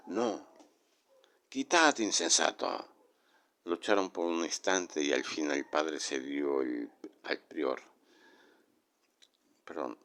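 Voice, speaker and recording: Mexican guy reading an old horror legend, super low voice, slow and dramatic. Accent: Mexican Spanish. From Mexico City. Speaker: storyteller.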